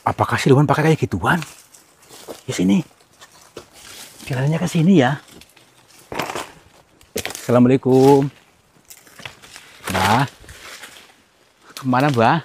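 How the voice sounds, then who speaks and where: A man, from Central Java, hosting a ghost-hunting vlog outdoors in a forest, giving hushed commentary and coaxing with repeated soothing words. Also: medium pitch, slow pace, long pauses, a little hiss or hum. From Central Java, Indonesia. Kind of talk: hushed on-location exploration commentary.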